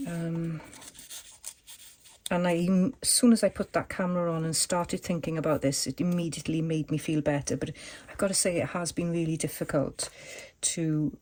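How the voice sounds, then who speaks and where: A woman's voice: low voice, fairly even intonation, moderate pace, a little mellow. A woman chatting casually at her home craft desk, rambling and thinking aloud with lots of fillers as she works on a journal page.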